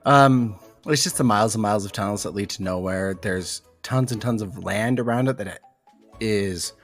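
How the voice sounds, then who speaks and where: A man's voice: on the low side, normal speed, soft background music. Rambling, stammering podcast co-host man. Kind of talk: casual chat.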